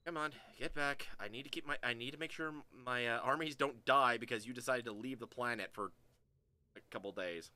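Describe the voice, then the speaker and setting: A man giving casual, excitable commentary while playing a strategy game, often trailing off mid-sentence. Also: mid-range voice, fairly quick, no room sound. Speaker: gameplay commentator.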